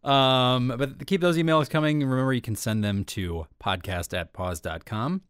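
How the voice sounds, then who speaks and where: A man's voice: medium pitch, normal speed, a bit bright, clean tone, no room sound, studio quality. A man co-hosting an entertainment podcast, talking casually and rambling with lots of fillers. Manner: chatty, rambling with many fillers. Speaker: podcast co-host.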